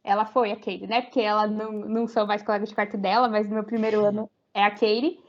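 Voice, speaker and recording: Through slightly muffled audio, a young Brazilian woman, a university student, talks fast in a mid-range voice with flat delivery. Her Brazilian Portuguese accent comes through as she chats casually as a podcast guest, full of fillers and rambling restarts.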